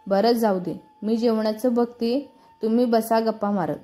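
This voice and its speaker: A caring middle-aged mother speaks in a fond, reasoning tone, voiced by a woman narrator. The voice is mellow and fairly high, with faint music underneath. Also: steady tone, measured pace, lightly acted.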